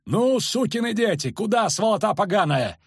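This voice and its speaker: A man's voice: high voice, big pitch swings, normal speed, breathy edge, dry recording, clean studio sound, pitched above the performer's own voice, heavily acted. A man doing a bellowing knight commander. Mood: roaring. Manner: barking orders, roaring curses. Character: young male knight, commanding soldier, fierce bellowing.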